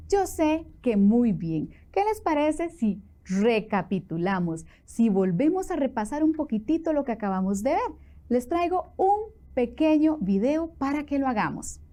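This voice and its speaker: A woman teaching a televised class for children, asking questions and encouraging them in a lively way, with a Costa Rican accent. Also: sits high.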